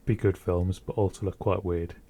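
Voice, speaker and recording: A man's voice: low voice, flat delivery, normal speed, dark tone. A young man co-hosting a podcast, telling rambling anecdotes in a casual chat. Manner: rambling, anecdotal storytelling with restarts. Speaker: podcast co-host.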